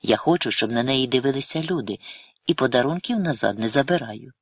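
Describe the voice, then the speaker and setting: A man voicing a calm, stern artist. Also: medium pitch, a little fast, dry recording. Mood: firm. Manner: calm, firm, clipped. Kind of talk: audiobook character voice.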